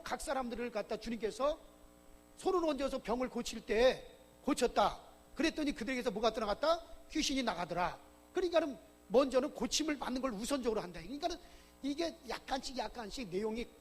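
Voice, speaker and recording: High-voiced pastor preaching in a reverberant church. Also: male voice. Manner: rhetorical questions to the congregation, emphatic preaching. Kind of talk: sermon. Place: church sanctuary. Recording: long reverb of a church hall.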